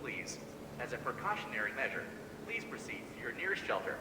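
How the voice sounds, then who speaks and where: A man voicing a calm, formal facility announcer giving a storm warning over a public address loudspeaker in a video game. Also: mid-range voice, brisk. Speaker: emergency announcer. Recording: echoey loudspeaker over loud game music.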